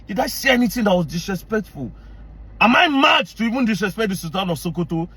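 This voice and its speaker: A man's voice: high-pitched, sing-song, quick pace, bright, forceful tone, husky. A man with a Nigerian accent delivering a heated, confrontational rant to camera, mixing Pidgin into his English. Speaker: online commentator.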